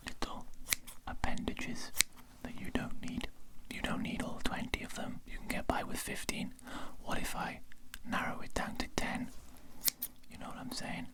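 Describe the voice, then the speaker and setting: A performer in a whispered role-play, voicing a patient, quietly menacing interrogator at a secret facility in a soft, breathy, deliberate whisper. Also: close to an everyday voice.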